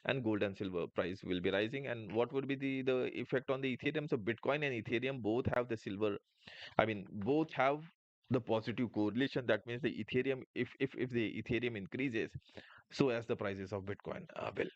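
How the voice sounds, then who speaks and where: A man's voice: mid-range voice, a little fast, dry recording. Man, live-stream market commentary, lots of uh fillers, muffled lo-fi audio, dry close sound. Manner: explanatory, many filler sounds. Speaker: trading live-stream host.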